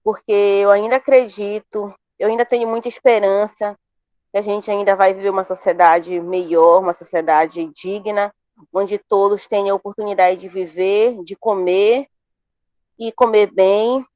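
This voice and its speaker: A woman's voice: mid-range voice, fairly even intonation, moderate pace, darkish tone, no room sound, dull audio. A woman from Pará, a family farmer introducing herself in an online class, speaking earnestly and hopefully and often repeating words. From Pará, Brazil. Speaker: course participant, family farmer.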